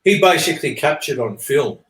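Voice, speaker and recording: An interview guest with a somewhat high, fairly bright voice talks animatedly and fairly quickly. He explains his ideas in a rambling, earnest, conversational way, repeating points and checking he's being followed, in an echoey, roomy recording.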